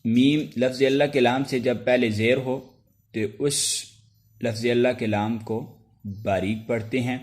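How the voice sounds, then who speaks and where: A man with a Pakistani Urdu accent leads a recitation lesson at a middle pitch, talking through the rules in a patient step-by-step way. He now and then stretches a letter or word out slowly in a chant, and clears his throat between points. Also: steady tone, a little mellow. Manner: slow drawn-out chanted letters between spoken explanations. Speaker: Quran recitation teacher.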